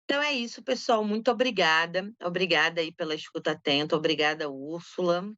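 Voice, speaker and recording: A woman lecturer giving an informal online academic talk on interview research, talking quickly with many fillers. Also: lowish voice, a bit bright, no echo, muffled recording. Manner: fast, informal, full of fillers.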